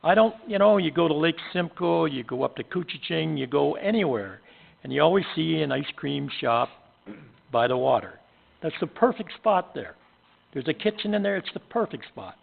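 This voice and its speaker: A man with a Canadian accent, a town councillor talking plainly at a council meeting, pausing often on fillers. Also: on the high side, lively intonation, vocal fry. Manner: plain-spoken, halting with fillers. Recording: tinny phone-like audio.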